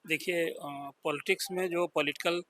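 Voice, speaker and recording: A man giving political analysis as a senior journalist on a panel, explaining slowly with pauses. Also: a little high, steady tone, fairly bright tone, dry recording. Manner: deliberate, explanatory, with pauses and fillers.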